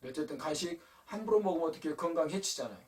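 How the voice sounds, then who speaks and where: A male pastor gives a youth sermon in a casual, storytelling manner, speaking straight to the teenagers. His voice sits slightly high and swings widely in pitch. He sounds set back from the microphone in the church. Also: lively intonation, fast talker, distant mic. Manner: conversational storytelling, addresses youth directly. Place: church sanctuary.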